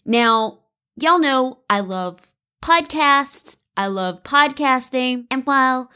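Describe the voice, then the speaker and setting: A woman's voice: sits high, fairly bright tone. A woman hosting her own podcast, talking to listeners in a chatty, upbeat, folksy way. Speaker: podcast host and producer. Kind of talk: podcast monologue.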